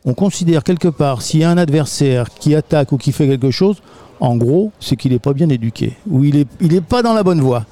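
A man's voice: a little high, lively intonation, brisk, dark tone. A man, an aikido teacher, patiently explaining his martial art in a radio interview recorded in a community hall.

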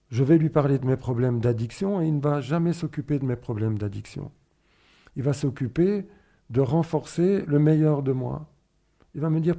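Middle-aged guy from northern spain, really dark mellow voice, reflective, lots of restarts. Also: medium pitch. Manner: reflective, halting with fillers and restarts. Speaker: guest. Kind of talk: personal testimony interview.

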